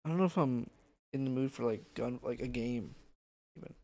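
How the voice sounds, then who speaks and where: A man's voice: medium pitch, moderate pace, mellow. A man streaming and chatting with viewers in a loose, mumbling way, heard through a livestream headset mic. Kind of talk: casual chat with viewers.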